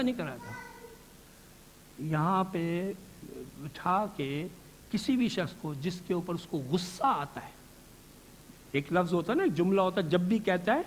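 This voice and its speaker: A man with a strikingly high voice delivers a religious lecture to a seated audience. He keeps asking rhetorical questions and answering them himself. He also mixes English words into his talk. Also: husky. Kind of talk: Islamic lecture to a live audience.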